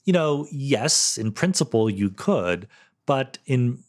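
Speaking slowly in a mid-range, sing-song voice, a middle-aged man runs a solo podcast built on listener questions. His science explanations are thoughtful and conversational, dotted with check-ins like "right?" and "okay?".

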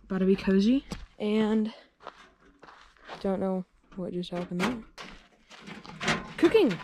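On a windy summit, a teenage boy chats slowly in a voice that sits high, excitable and slangy and often exclaiming. It's a casual outdoor vlog shot on a handheld action camera at arm's length, so the audio is noisy.

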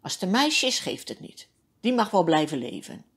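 A stern, scheming king giving urgent orders in a children's storybook, as a woman reading aloud puts him on. The voice is husky, low and slow, and it swings widely in pitch. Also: sing-song, heavily acted. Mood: scheming, commanding. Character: stern scheming Egyptian king, adult man.

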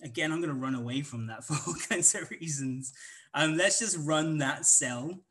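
A man's voice: a little high, normal speed, a bit bright, rough recording. A man with a Welsh accent giving a casual live coding walkthrough at a conference, rambling with many ums and restarts. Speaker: conference instructor.

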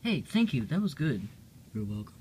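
Someone casually reads their own hand-drawn comic aloud at home, hesitating, correcting themselves and adding apologetic asides. The medium-pitched, slightly mellow voice swings widely in pitch at a moderate pace. A handheld phone or camera aimed at the pages captures it, with poor audio and a bit of hiss or hum.

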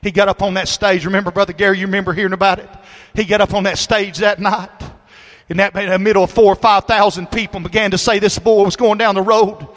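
Preacher guy, pretty high voice, folksy storytelling, big echoey church hall. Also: flat delivery, fast talker, a bit bright. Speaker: pastor. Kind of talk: sermon. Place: church sanctuary. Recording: long hall reverb.

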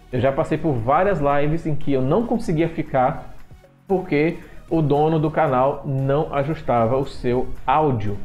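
A man walking through his microphone filter settings in a screen-recorded software tutorial, often restarting phrases and repeating points as he goes. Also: a little high. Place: home room with street noise outside. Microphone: desktop microphone at a computer.

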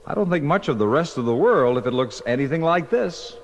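A man's voice: a little high, expressive, a little fast, in a large hall, faint music behind. A man doing an eager, naive old skipper. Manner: earnest and wondering.

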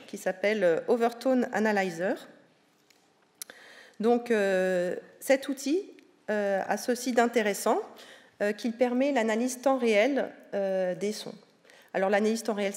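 A woman's voice: medium pitch, darkish tone. A woman giving a public science lecture on the voice, explaining patiently with many hesitations. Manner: explanatory, with frequent hesitations and fillers. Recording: reverberant lecture hall.

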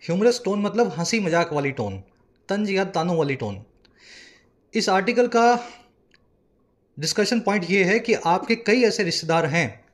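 A man teaching as an English tutor, lecturing a class on a newspaper article with energy and reading English lines slowly. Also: sits high. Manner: energetic teacher, explains words slowly, reads English aloud slowly.

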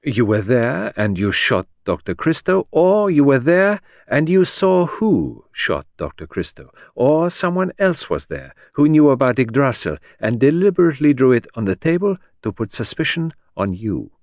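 A man's voice: medium pitch, sing-song, moderate pace, hardly any pauses, darkish tone, dry recording, studio quality, voice pushed up. A man voicing a composed young woman under suspicion, cool and lightly mocking, in an audiobook. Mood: defiant. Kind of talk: audiobook character voice.

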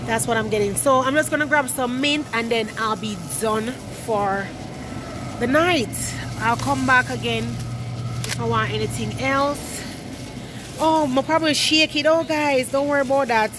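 Walking through a big indoor supermarket with her phone held out at arm's length, a young woman from Jamaica vlogs in an unhurried, chatty way, laughing as she goes. Her accent is strong and her voice a bit high, while loud store background noise remains clearly heard.

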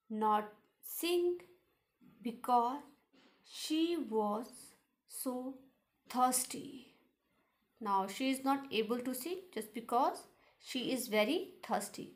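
Slow, high-voiced Indian English teacher. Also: female voice. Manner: reads word by word, then restates in simple words. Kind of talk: reading aloud and explaining a textbook lesson.

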